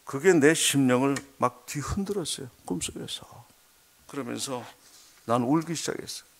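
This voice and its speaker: This middle-aged man is a missionary delivering a heartfelt testimony sermon in a church sanctuary. His medium-pitched voice moves at a normal speed, dropping to hushed murmurs and then swelling into loud, emphatic bursts.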